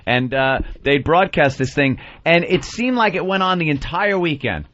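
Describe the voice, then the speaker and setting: A man's voice: on the high side, expressive, normal speed, a bit bright, dry recording, lo-fi sound. A male radio host, bantering in a wry, mocking way. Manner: wry, mocking, drops into mimicking voices. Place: radio studio.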